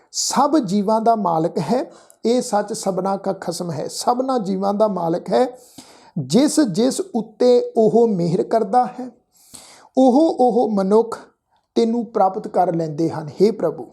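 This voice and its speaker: A woman from Punjab, India, teaching how to pronounce scripture. She recites line by line in a slow, measured way and spells out each sound with care. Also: mid-range voice, dark tone, breathy edge. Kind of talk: religious pronunciation lesson.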